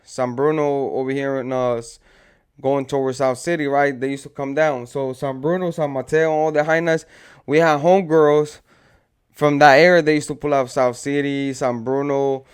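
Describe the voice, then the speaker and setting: A man's voice: medium pitch, little pitch movement, normal speed, clear, resonant tone. A man telling a story from his own past in casual street slang, rambling and acting out what his friends said. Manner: rambling, slang-heavy, acts out friends' quotes.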